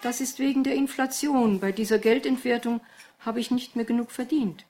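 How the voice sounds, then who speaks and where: A woman's voice: on the high side, fairly even intonation, moderate pace, dark tone, slight background noise, voice pushed up, lightly acted. A weary young woman speaks in a slightly raised, guarded voice, as a woman reader puts her on. She sounds tired and careful in this storybook audiobook.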